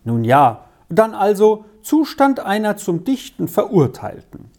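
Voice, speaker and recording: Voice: mid-range voice, a little slow, voice pushed up. A reader doing a cheeky fourteen-year-old boy. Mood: teasing. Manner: excited, running commentary.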